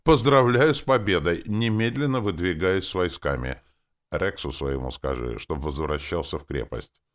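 A man voicing a composed male druid advisor who speaks in a brisk, formal way in an audiobook. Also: low voice, animated. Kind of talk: audiobook character reading.

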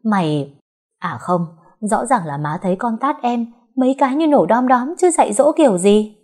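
A woman voicing a domineering middle-aged stepmother who scolds loudly in an audio story. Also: medium pitch, expressive, normal speed, husky. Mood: scolding. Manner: loud, scolding.

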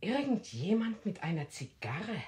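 A nosy village neighbour chatters and teases in a 1960s radio drama. Her pitch swoops up and down in lively turns. She sounds gossipy and prying. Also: a little slow. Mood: chatty teasing.

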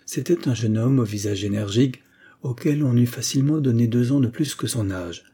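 A man narrates a novel aloud in a measured, steady storytelling manner. His voice is mellow and dark, with a husky edge. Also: mid-range voice. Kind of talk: audiobook reading of a novel.

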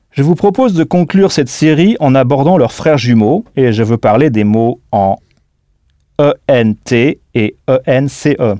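A man's voice: medium pitch, dark tone, no room sound. Patient male language teacher, dry studio sound. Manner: patient, spells out words letter by letter and prompts the listener. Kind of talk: recorded audio language lesson.

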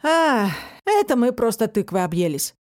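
A woman's voice: on the high side, very animated, normal speed. A woman doing a bold playful storybook boy. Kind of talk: children's storybook reading.

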